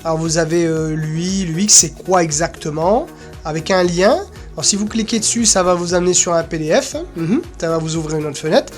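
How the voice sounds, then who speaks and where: Presenting an association's website, a speaker gives an informal, unscripted screen-share walkthrough, rambling casually with little filler sounds. The voice is medium-pitched and brisk, with faint music behind it.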